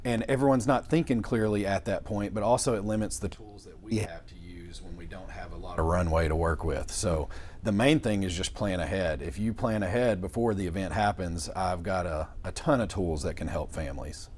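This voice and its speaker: A man's voice: deep voice, fairly quick, darkish tone. A young man, explaining things as a lawyer in an interview with folksy, informal phrasing. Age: young adult. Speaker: estate planning lawyer. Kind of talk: interview answers in plain explanatory talk.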